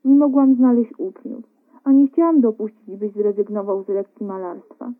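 A woman's voice: mid-range voice, fairly even intonation, moderate pace, natural voice. A woman reading a loving, stubborn young wife. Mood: pleading. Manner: bright, affectionate, coaxing. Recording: narrow phone-like radio sound.

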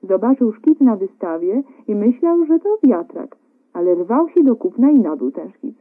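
A woman's voice: a little high, very animated, normal speed. A woman reading a cheerful young husband. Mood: boasting. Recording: narrow phone-like radio sound.

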